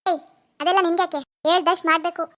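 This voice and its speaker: A woman's voice: very high-pitched, fairly even intonation, fast, fairly bright tone. A woman voicing a vengeful female ghost in a cartoon, scolding and threatening a lazy husband. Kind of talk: animated cartoon voice acting.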